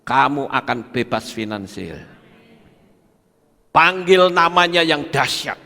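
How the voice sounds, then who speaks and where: A man's voice: medium pitch, very animated, slow pace, gravelly, sharp tone. An older man, a pastor preaching emphatically and firing rhetorical questions at his congregation. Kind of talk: sermon. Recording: long hall reverb.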